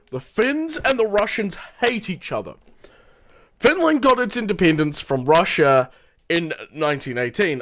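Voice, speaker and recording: A man's voice: on the high side, a bit bright. A man streaming a game and chatting casually, rambling, repeating himself and laughing often. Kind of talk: casual gameplay commentary.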